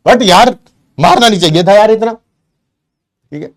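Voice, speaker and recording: Male teacher from India, middle-aged, high voice, acts out family scenes for students. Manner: animated, mixes English phrases, acts out family members' lines. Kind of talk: storytelling to students in class.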